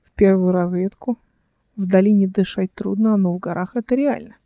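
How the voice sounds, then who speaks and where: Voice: mid-range voice, moderate pace, mellow, dry recording, muffled recording, natural voice. Reader doing a cheeky young pilot. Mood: teasing. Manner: playful, teasing.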